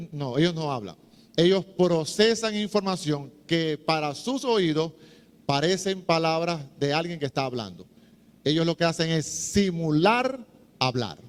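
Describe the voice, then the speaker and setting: A man's voice: on the high side, smooth, long reverb tail. A middle-aged man preaching a teaching talk in a chatty, humorous way, acting out little voices as he goes. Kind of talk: sermon-style teaching talk.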